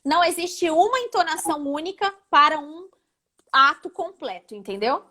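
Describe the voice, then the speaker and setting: High-pitched female oratory coach, didactic, shows intonations as she teaches, on a video call. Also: very animated, normal speed, sharp tone. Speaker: oratory instructor, guest speaker. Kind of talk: live online talk, teaching.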